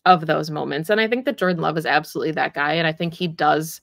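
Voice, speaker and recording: A woman's voice: low-pitched, fast, vocal fry, no room sound, clean studio sound. A young woman co-hosting a sports podcast, talking casually with lots of "like" fillers. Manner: conversational, frequent "like" fillers. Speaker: podcast co-host.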